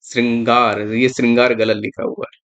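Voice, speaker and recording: A man teaching exam spelling over slightly dull, lo-fi audio. His voice sits in a middle pitch. He goes through words one by one and keeps stressing which ones matter. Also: little pitch movement, moderate pace, a bit bright. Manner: repetitive, emphatic, stresses importance. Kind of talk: explaining spelling on screen.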